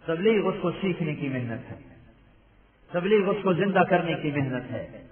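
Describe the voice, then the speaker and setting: An emotional man preaching and pleading, with a fairly high voice. He sounds far from the mic in an echoey space, and the sound is thin and phone-like. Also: lively intonation. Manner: emotional, pleading, with rhetorical questions and Arabic recitation. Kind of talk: impassioned sermon.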